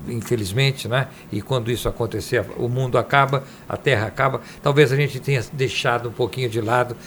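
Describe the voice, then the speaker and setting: A man's voice: mid-range voice, fairly even intonation, fairly quick, a bit bright, a little hiss or hum. A man interviewing a guest, reflective, asking long musing questions. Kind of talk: radio interview.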